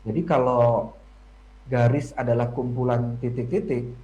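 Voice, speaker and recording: A man's voice: medium pitch, steady tone, a little slow, warm tone, echoey room, lo-fi sound. A man speaking as a family psychology guest on a radio talk show, explaining points and acting out children's lines.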